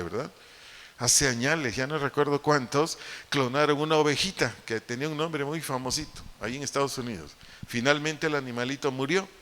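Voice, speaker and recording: A man's voice: medium pitch, bright, forceful tone. A man preaching a sermon with a Mexican Spanish accent, teaching step by step, repeating key points and putting questions to the congregation. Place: church hall. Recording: long hall reverb.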